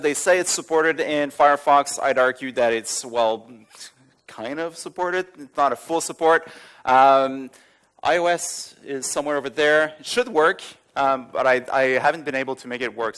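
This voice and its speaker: A man presents a live tech talk, walking the audience through browser demos. He speaks casually in a middle-pitched voice, with plenty of ums and small chuckles between points. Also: fairly bright tone, clean tone. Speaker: conference speaker. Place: conference hall with audience.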